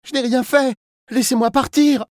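A terrified eight-year-old boy pleads in a high, straining voice, as a man puts him on. The cries are loud and frantic, recorded close and dry for an audiobook. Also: steady tone, normal speed, dry recording. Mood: panicked pleading.

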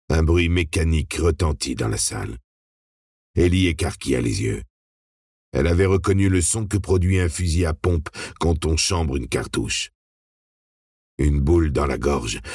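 A man reading a novel aloud in a steady, dramatic narration style, close to the mic. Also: rumbling low, husky, dry recording. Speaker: audiobook narrator. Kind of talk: scripted narration.

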